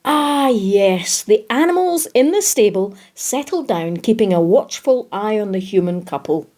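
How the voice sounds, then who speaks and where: A woman voicing an old male spider who tells a story, clearing his throat and chuckling. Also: medium pitch, animated, unhurried, dark tone, close to an everyday voice. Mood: fond recalling.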